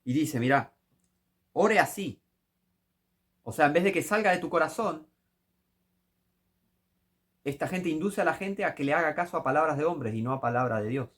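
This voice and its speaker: A man with a Rioplatense Spanish accent preaching a critical sermon commentary, scolding and rising to impassioned shouts. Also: fairly high pitch, lively intonation, moderate pace, pauses often.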